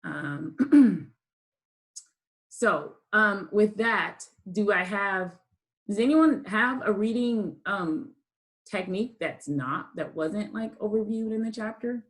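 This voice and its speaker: A woman's voice: mid-range voice, slow, rough recording. A woman instructor giving a college writing lesson over a video call. She talks with frequent ums and restarts. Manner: hesitant, many ums and restarts. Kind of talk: online class lecture.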